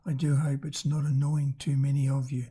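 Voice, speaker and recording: A travel vlogger of ambiguous-sounding sex narrating off the cuff, hesitantly, in a thin, squeaky voice roughened by damaged vocal cords. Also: flat delivery, moderate pace, dark tone.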